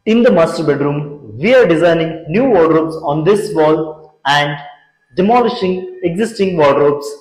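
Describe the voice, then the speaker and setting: High-voiced young man touring an echoey apartment. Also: lively intonation, darkish tone. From India. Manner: measured, explanatory, pointing out features. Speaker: renovation company founder presenting a walkthrough. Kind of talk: scripted walkthrough presentation. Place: large empty apartment rooms, indoors. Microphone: lapel mic. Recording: echoey empty rooms with background music.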